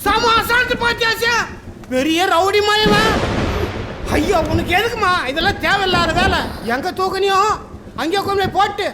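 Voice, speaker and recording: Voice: very high voice, normal speed, very noisy. An actor playing a nervous hospital worker in a film drama who scolds someone in alarm. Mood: alarmed, scolding. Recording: loud film music behind.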